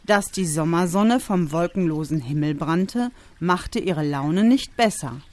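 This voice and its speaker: A woman reading a children's story aloud with expressive storytelling. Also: on the low side, unhurried. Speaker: narrator.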